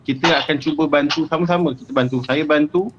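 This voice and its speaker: A Malaysian male preacher with a high voice leads a fervent prayer. He pleads, sobs, and cries out by turns. The live-stream audio is dull and lo-fi, and loud noise sits under his voice. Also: steady tone, quick pace. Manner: fervent, sobbing pleas that swing to shouts. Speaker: religious preacher. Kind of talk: tearful impassioned prayer and advice on a live stream.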